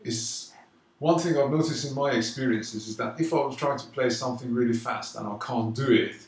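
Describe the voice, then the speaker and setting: A man teaching a drum rhythm, explaining calmly and counting the beats out loud, slow and emphatic. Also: medium pitch. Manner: counts beats aloud loudly and slowly between calm explanations. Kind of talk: casual drum lesson. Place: London. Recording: roomy echo, mic at a distance, drumming.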